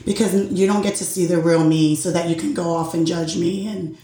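A woman's voice: on the low side, fairly quick. Earnest woman in an echoey room. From Puerto Rico. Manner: earnest, expressive, acts out quoted voices. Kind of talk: candid group conversation.

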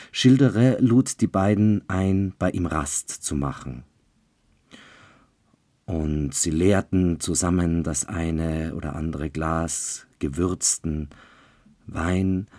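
A deep-voiced man telling a grim fairy tale at an unhurried, deliberate pace. His measured storytelling sounds close to the mic and completely dry, with no room sound. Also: a little mellow, no room sound.

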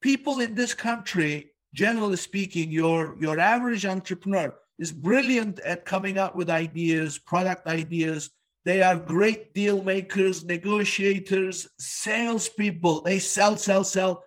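A man from Turkey talks business in a casual conversation, hammering his points home by repeating words. His voice sits a little high for a man. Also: a little slow. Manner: emphatic, repeats key words.

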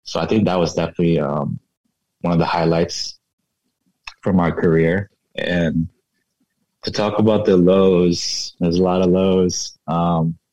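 A man in his thirties, raised in the United States, talking casually as a guest in an interview, relaxed and reflective with lots of "you know". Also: low-pitched, a little slow, dry recording, low-quality recording. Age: 30s. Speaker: guest, fashion entrepreneur.

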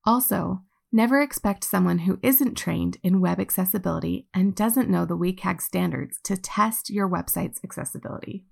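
A woman giving a measured, informative scripted narration for a company. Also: fairly low pitch, creaky, a little mellow.

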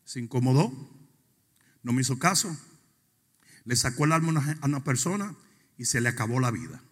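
A male pastor preaching a sermon. He swings from quiet asides to shouted, sing-song preaching. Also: medium pitch, big pitch swings, a little fast, breathy edge. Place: church sanctuary. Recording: long reverb of a church hall.

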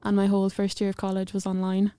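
A woman's voice: mid-range voice, completely flat delivery, fast, dark tone, clean tone, no echo. A young woman from County Offaly in Ireland with an Irish Midlands accent, chatting casually as a student guest in an interview. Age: young adult.

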